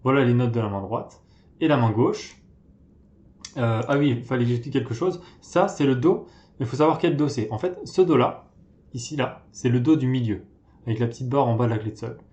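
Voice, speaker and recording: A man's voice: mid-range voice, fairly quick, a little mellow. Patient male piano teacher in a roomy space. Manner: patient, methodical explaining, counting notes aloud. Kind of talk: step-by-step piano tutorial. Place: room with a piano. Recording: roomy echo.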